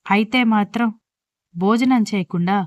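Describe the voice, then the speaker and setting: A woman's voice: mid-range voice, measured pace, no echo, natural voice. Woman reading as a puzzled polite son. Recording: dull dry lo-fi recording.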